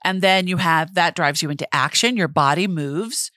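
Middle-aged woman, podcast co-host, bright voice, dry close sound. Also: fairly low pitch, normal speed, no room sound. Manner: animated, laughs often, faith-based talk. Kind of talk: casual chat.

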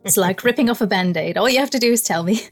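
A woman's voice: medium pitch, fast. A woman playing in a tabletop game, improvising dialogue in a chatty, hesitant, apologetic, rambling way. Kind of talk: improvised in-character chat. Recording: music under the voice.

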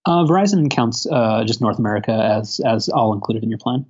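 A man co-hosting a casual podcast in a hesitant, halting way, repeating words, over a low-quality internet call. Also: expressive, a little mellow, breathy edge, dull audio. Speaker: podcast co-host. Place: hotel room, remote call.

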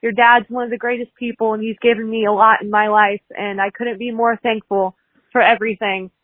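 A woman in her early twenties leaves an earnest, rambling, heartfelt voicemail over the phone. Her voice is fairly high with little pitch movement, she talks fairly quickly, and the recording is dry.

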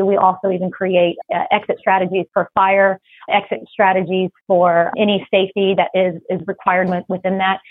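A woman from the Philippines, raised in Texas, talking quickly and chattily as an interview guest, laughing often. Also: medium pitch, slightly rough, dry recording, phone-quality sound. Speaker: guest, business services rep. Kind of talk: casual interview.

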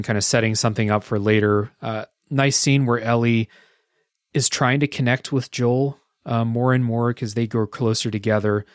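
A man's voice: mid-range voice, no room sound, studio quality. A man hosting a podcast, chatting casually about a video game in a reflective, matter-of-fact way.

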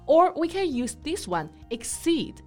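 A woman's voice: high voice, big pitch swings, measured pace, warm tone, faint music behind. A woman co-hosting a podcast lesson, explaining English words in a bilingual teaching chat and spelling them out letter by letter.

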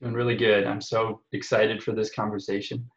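A man from Nebraska talking conversationally as a podcast guest, in a halting way, repeating words as he goes. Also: on the low side, flat delivery. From Omaha area, Nebraska. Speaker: podcast guest, parish evangelization coordinator. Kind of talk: conversational personal testimony. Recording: slightly dull, roomy sound.

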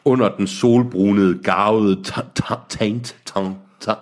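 A man's voice: on the low side, fairly even intonation. A man reading a novel aloud on a podcast, breaking off to joke and laugh about the text. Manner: laughing, mocking the text as he reads. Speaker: reader of a novel on a comedy podcast. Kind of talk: reading aloud with joking asides.

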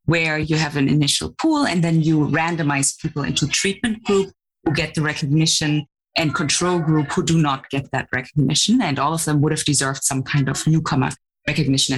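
A middle-aged woman professor, a podcast guest, explaining her research in an articulate, measured way. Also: deep voice, husky.

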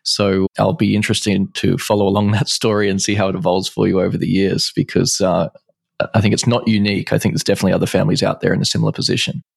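Low-voiced affable male interviewer. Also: little pitch movement, quick pace, gravelly, husky, no room sound. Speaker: interviewer, podcast host. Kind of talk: conversational interview.

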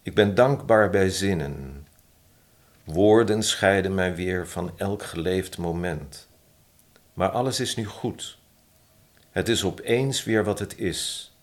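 Slow, deep-voiced man reading thoughtfully. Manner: slow, thoughtful, reads his own poem softly and deliberately. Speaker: podcast guest, publisher and poet. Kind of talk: conversational interview with a slow poetry reading.

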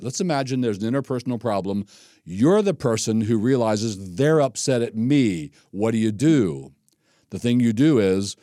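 A man's voice: mid-range voice, no room sound, clean studio sound. A male pastor teaching a sermon in a conversational way, acting out the scripture and the people he quotes. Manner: conversational, animated, acts out scripture and quoted speech.

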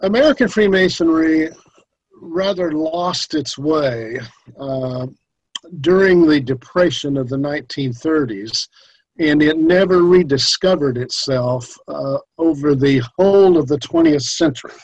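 A man's voice: a little high, unhurried, no echo, lo-fi sound. A man answering interview questions over a remote call that keeps breaking up, hesitant and full of fillers. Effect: remote call audio breaking up. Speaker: podcast guest.

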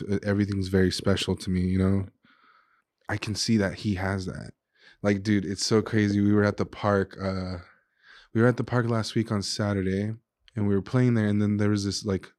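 A young man with a low voice talks in a casual, sentimental way, often circling back with "like" and "you know". The sound is close and dry, with almost no room echo. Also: a little mellow. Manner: sentimental, talks openly about his feelings. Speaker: podcast guest, chef and restaurant owner. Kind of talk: casual conversation. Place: living room in a home.

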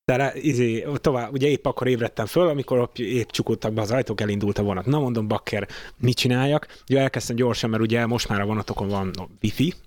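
A man's voice: mid-range voice, fairly even intonation, hardly any pauses, darkish tone, no echo. A man from Hungary chatting casually as a podcast co-host, telling stories in slangy, colloquial language. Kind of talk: casual anecdotal chat.

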